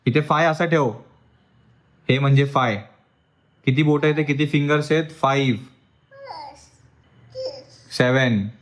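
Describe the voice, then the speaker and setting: A man's voice: medium pitch, takes it slowly, pauses often. A man in a home vlog, a father lecturing his small daughter sternly and mixing in English words. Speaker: family vlogger and father. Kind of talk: home vlog, scolding a toddler. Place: at home indoors.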